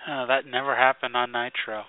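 A man's voice: medium pitch, flat delivery, a little fast, no echo. A man co-hosting a wrestling podcast, chatting casually and rambling. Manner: rambling, heavy on "like" fillers. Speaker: podcast co-host. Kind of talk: casual chat. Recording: tinny phone-like dry sound.

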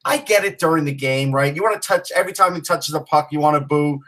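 A man's voice: fairly high pitch, quick pace, a bit bright, far from the mic, rough recording. Opinionated man, a bit off the mic. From Long Island, New York. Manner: opinionated, storytelling. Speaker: podcast co-host. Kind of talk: casual sports podcast chat.

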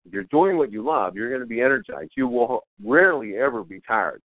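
A middle-aged man talks casually and motivationally, sounding wired on caffeine. He rambles eagerly, repeating and restarting phrases at a medium pitch. The recording is dry and slightly dull, like a band-limited radio feed. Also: wildly swooping pitch, fairly quick, creaky, dry recording. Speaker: self-help author, interview guest.

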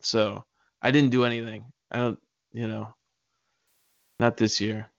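A man's voice: on the low side, flat delivery, unhurried, gravelly, dry recording, muffled recording. A man on a casual online show who rambles, hesitates and curses.

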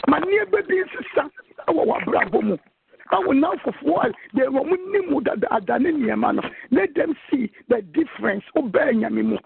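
A man's voice: extremely high pitch, gravelly, slight background noise. A man with a Ghanaian accent preaching a sermon that moves between his local language and English, quoting scripture. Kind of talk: sermon mixing Twi and English. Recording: tinny phone line.

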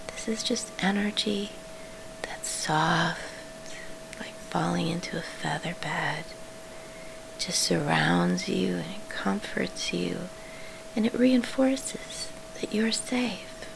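A woman leading a guided sleep meditation in a soft, soothing whisper, pausing between short phrases. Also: lowish voice, very animated, gravelly, background noise.

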